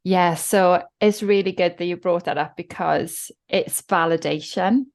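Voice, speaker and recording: A woman from South Wales with a Welsh accent speaks as a guest author in a podcast interview. Her voice is fairly low and a little slow, and she talks reflectively.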